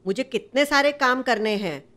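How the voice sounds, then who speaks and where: A woman's voice: fairly high pitch, moderate pace, bright, forceful tone. A woman voicing a brusque, busy male washerman who brushes people off. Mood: annoyed. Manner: brusque, dismissive.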